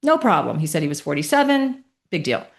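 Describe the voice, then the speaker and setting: A woman in her late fifties, a podcast guest telling a personal story with emphatic, animated delivery and rhetorical questions. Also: sits low, a little fast. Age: 50s.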